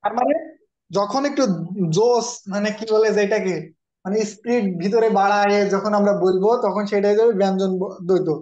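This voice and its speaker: A man's voice: high-pitched, steady tone, moderate pace, darkish tone, lo-fi sound. A man with a Bangladeshi Bengali accent teaching an online exam-prep grammar class, who explains patiently and calls on students by name.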